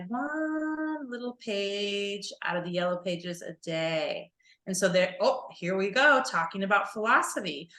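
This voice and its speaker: A woman yoga teacher chats on a podcast with a bright, sharp-edged voice. She is animated and mimics her panicked students. The room rings with echo. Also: medium pitch. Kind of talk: casual podcast chat. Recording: echoey room.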